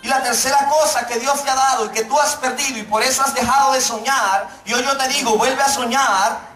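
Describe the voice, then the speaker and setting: A middle-aged man preaching to a youth congregation, his voice pitched very high. He jokes with the crowd and then drags out key phrases. The room is echoey and the mic sits some way off. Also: steady tone, pushed and bright, recorded from a distance. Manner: joking, calls out to the congregation, preaches slowly for emphasis. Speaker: pastor. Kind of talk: sermon. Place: church hall.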